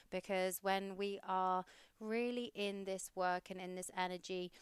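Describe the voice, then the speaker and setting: Slow, smooth-voiced woman guiding meditation. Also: lowish voice, dry recording. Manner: slow, soothing and steady. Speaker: meditation guide and podcast host. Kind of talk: guided meditation.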